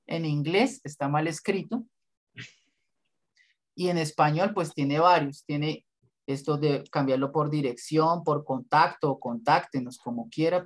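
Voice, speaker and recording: Man, design teacher, lecturing and correcting bluntly, no-nonsense. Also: a little high. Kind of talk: online class feedback.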